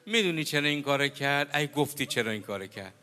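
A man preaching a mourning sermon, telling a story with quoted dialogue and building to loud lament. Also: mid-range voice, animated. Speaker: preacher reciting a mourning narrative.

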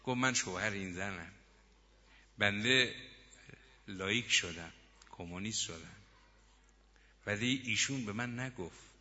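A man's voice: on the low side, long pauses, sharp tone, pitched below the performer's own voice. A man voicing a remorseful middle-aged husband who tells his story in a confessional first-person way, recorded muffled in a reverberant hall.

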